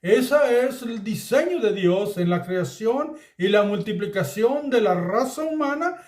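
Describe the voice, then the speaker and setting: A man's voice: high voice, expressive, measured pace, darkish tone, roomy sound. A man teaching a Bible study sermon in Spanish, earnest and addressing his listeners as beloved.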